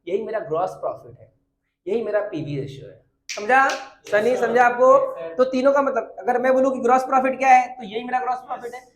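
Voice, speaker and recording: Man teaching in an echoey classroom. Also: extremely high pitch. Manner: asks questions and answers them himself, repeats key points. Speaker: commerce teacher. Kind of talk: classroom lecture at a whiteboard. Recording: echoey room.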